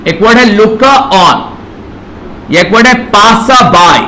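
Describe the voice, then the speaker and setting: This slow-speaking English grammar teacher has a high, bright, forceful male voice that echoes around the classroom over faint noise. He calls his students "beta" and spells words out one letter at a time.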